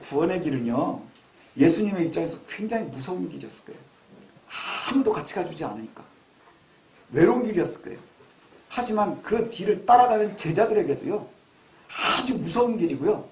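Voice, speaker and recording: A man's voice: high-pitched, a little mellow. A middle-aged male pastor preaching a Sunday sermon in a conversational way, asking rhetorical questions and acting out quotes. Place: church sanctuary. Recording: echoey church hall.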